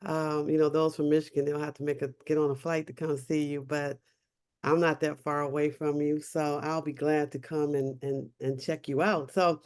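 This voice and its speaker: A woman's voice: deep voice, flat delivery, moderate pace, darkish tone. A woman hosting an online meeting, friendly and chatty, inviting questions. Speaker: meeting host. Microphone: video call.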